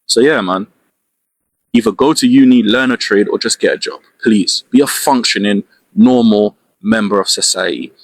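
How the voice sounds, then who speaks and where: A man's voice: fairly low pitch, moderate pace, dry recording. A young man with a London accent giving blunt street-slang advice in a casual monologue clip. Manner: street slang, lecturing, emphatic. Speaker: social media creator.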